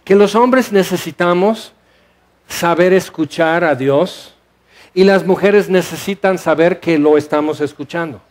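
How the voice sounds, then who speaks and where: A man's voice: high voice, a little slow. A man preaching a sermon in a church hall, asking rhetorical questions and explaining scripture with animation. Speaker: pastor.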